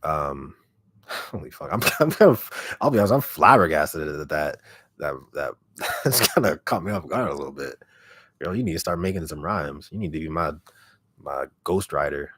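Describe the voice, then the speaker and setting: A man with a deep, raspy voice chatting casually on a livestream, relaxed and rambling, speaking very close to the microphone. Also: normal speed, no room sound. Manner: relaxed, rambling, heavy use of "like". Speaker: ASMR content creator on a livestream. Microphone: microphone held very close.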